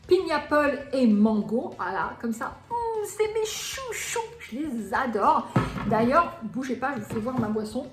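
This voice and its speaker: A woman in her forties hosting a cooking vlog, talking casually, chatty and self-mocking, in a home kitchen. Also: high voice. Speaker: cooking channel host. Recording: echoey room.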